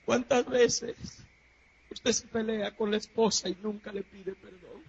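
A man preaching a sermon, swinging between fervent shouting and low, intense speech. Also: steady tone, unhurried, gravelly, husky, highs cut off. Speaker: preacher giving a testimony.

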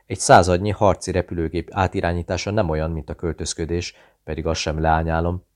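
A man reading a thriller novel aloud, voicing the dialogue within his steady, measured narration. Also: deep voice. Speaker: audiobook narrator. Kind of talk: scripted narration.

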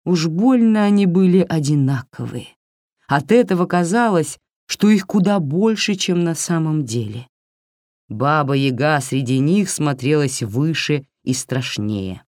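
A woman narrating a fairy tale for an audiobook in a measured, expressive way, close to the mic. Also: low-pitched, no room sound.

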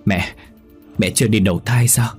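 A man's voice: on the low side, normal speed, a little mellow, husky, soft background music. A man voicing a terrified, guilt-ridden man in a spoken ghost story, frantic and desperate. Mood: remorseful.

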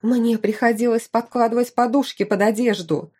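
A woman voicing a haughty, scheming duchess who talks in a shrill, indignant way in an audiobook. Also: fairly even intonation, moderate pace, darkish tone, slightly rough. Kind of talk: audiobook character reading.

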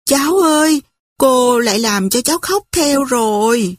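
A woman puts on a timid, fussy middle-aged aunt who frets and scolds in a quick, high, breathy voice. She is easily moved to tears and always flustered. It is an audiobook reading with a dry, close sound. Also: expressive, no room sound. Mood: tearful. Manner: flustered, fretting, fast.

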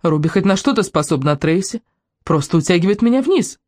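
Woman narrator doing a teary desperate young woman, pleading, voice pushed up high. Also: lively intonation, brisk, a little mellow, no room sound, clean studio sound, close to an everyday voice. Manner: pleading, tearful.

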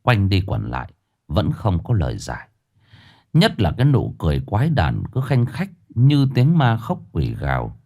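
A man narrating a ghost story in a dramatic, lively way. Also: low voice, moderate pace. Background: faint music.

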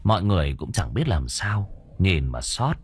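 A man's voice: low voice, normal speed, slightly rough. A man narrating a ghost story dramatically. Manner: expressive, dramatic. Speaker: audiobook narrator.

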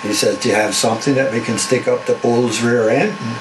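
A man's voice: medium pitch, fairly even intonation, a little fast. Man, Dutch German accent, drawling folksy joke teller; roomy, noisy archive recording. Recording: roomy recording with background noise.

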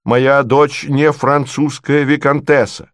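A man's voice: mid-range voice, level tone, slow, dry recording, studio quality, natural voice. A man voicing an indignant, domineering lady who presses with exasperated questions. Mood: reproachful. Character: indignant domineering middle-aged lady, scheming.

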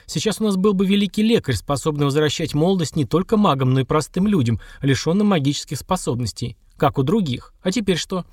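Man voicing a wry young woman agent, raised pitch, sardonic, audiobook. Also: expressive, a little fast, hardly any pauses, darkish tone, no room sound. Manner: dry, sardonic, matter-of-fact.

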